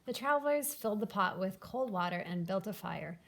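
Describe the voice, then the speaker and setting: Female storybook narrator, mid-pitched with noticeable vocal fry, for a children's folktale. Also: lively intonation, brisk, fairly bright tone. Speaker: storybook reader.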